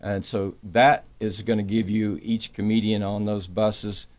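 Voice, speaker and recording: Low-voiced folksy man chatting easily. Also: little pitch movement, measured pace, a little mellow. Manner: folksy, easygoing, rambling. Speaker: interview guest, entertainer promoting a comedy tour. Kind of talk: casual chat. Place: radio studio.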